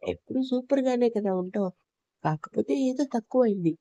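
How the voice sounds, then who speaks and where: Woman voicing a sly young woman, teasing, scheming, dark mellow tone, dull lo-fi sound. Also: fairly high pitch, lively intonation, normal speed, dry recording.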